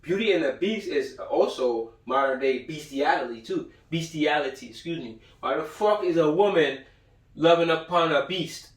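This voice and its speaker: Speaking at a normal pace in a voice on the high side, this man reads passages aloud during an informal lecture. He repeats points for emphasis and comments in crude, blunt slang. The mic is distant and the room echoes noticeably.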